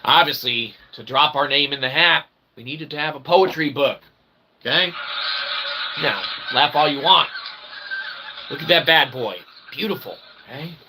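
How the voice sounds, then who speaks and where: Over poor audio with slight background noise, a man with a fairly high, bright, forceful voice speaks unhurriedly. As an independent channel host and developer, he gives viewers a rambling, self-deprecating monologue, wordy and mock-formal, with frequent "okay"s.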